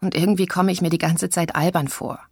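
A woman voicing an excitable, dreamy young girl who overacts and chatters on. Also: on the low side, fairly quick, slightly rough, no echo, clean studio sound. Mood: chatty. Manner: theatrical, then hesitant and chatty.

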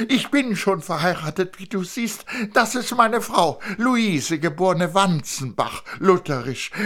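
A man voicing a thin, excitable man who gushes and chatters with fawning delight, in a storybook reading. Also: exaggerated voice. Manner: gushing, high-pitched, breathless chatter.

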